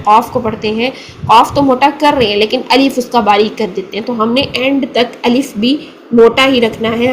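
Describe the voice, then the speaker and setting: A woman's voice: a little high, a little hiss or hum, rough recording. A woman with a Pakistani Urdu accent teaching a recitation lesson, patiently repeating letter sounds one by one. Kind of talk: tajweed lesson.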